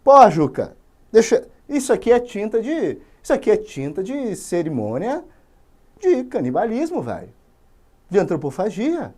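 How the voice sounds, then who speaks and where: A man's voice: sits high, huge pitch swings, normal speed, pitched above the performer's own voice, exaggerated voice. A man with a Brazilian accent voicing a grumpy, scolding old blind father in a retold story. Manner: exasperated, loud, scolding.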